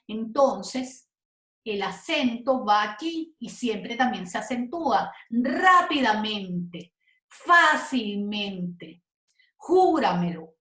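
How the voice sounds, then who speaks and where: Woman teacher going thru a grammar lesson real slow, drawing words out, bit high voice. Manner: slow, careful, stretching example words syllable by syllable. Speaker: Spanish teacher. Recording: echoey room.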